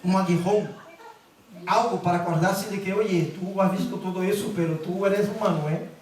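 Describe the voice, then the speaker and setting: A man preaching a sermon to a congregation, emphatic and repetitive, slowing down on key phrases and switching between Portuguese and Spanish. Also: high-pitched, steady tone, darkish tone. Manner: emphatic, repeats words for stress, slows down on key phrases. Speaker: guest preacher. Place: church sanctuary. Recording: echoey church room, mic at a distance. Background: congregation calling out amens.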